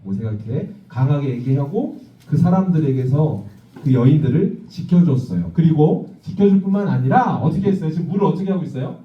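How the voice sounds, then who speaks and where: Man pastor, children's sermon, animated storyteller; distant, dull-sounding mic. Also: on the high side, a little fast. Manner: lively, asks the children questions and acts out voices. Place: church hall. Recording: distant, echoey, dull church recording.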